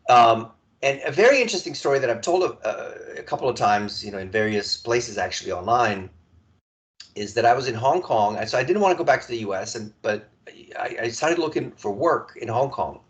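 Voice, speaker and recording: This Serbian man in his forties, a podcast guest, speaks in a medium-pitched voice. He relates his story in a relaxed conversational manner but halts often, stumbling, restarting and repeating words.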